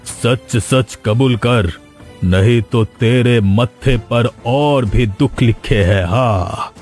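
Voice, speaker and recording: A man voicing a stern, commanding male sadhu in a cartoon, giving slow, threatening orders. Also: mid-range voice, darkish tone, soft background music, close to an everyday voice. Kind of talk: cartoon voice acting.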